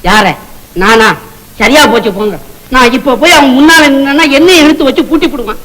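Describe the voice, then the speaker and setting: A frantic, panicky shop clerk. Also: male voice, extremely high pitch, a little fast, bright, forceful tone, low-quality recording. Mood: whining. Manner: frantic complaining. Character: panicky male shop clerk fearing arrest.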